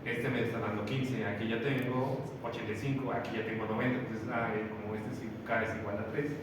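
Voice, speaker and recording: A man's voice: fairly low pitch, level tone, brisk, distant mic. A man teaching a class, explaining an assignment step by step and working through examples. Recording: echoey room, voice from afar, background noise.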